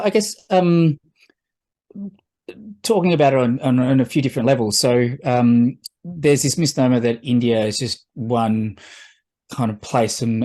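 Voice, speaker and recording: A man's voice: medium pitch, dark tone. Hesitant man, filmmaker guest. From Fiji. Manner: thoughtful, hesitant with many fillers. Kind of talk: festival Q&A answers.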